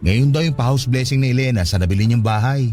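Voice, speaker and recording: In this radio drama, faint music plays beneath a man with a Filipino accent acting the part of a provincial older brother who is eager, trusting and affectionate. He speaks quickly at medium pitch, warm-toned and only lightly acted. His emotional performance sounds reassuring and hopeful, with exclamatory, swooping lines.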